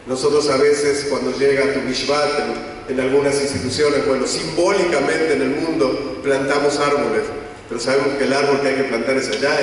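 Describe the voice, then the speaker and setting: A man, a rabbi giving a measured, explanatory lecture in a large temple. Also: on the high side, a little hiss or hum. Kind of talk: synagogue lecture. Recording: echoey hall from far off.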